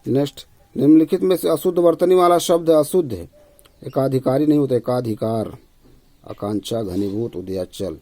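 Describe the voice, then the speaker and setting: A man teaching Hindi spelling and grammar for exams, reading each question aloud and then dropping low and quiet for the answer, often adding "है ना". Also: moderate pace, no room sound, faint music behind. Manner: repeats himself, tag "है ना". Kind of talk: casual exam-prep lesson.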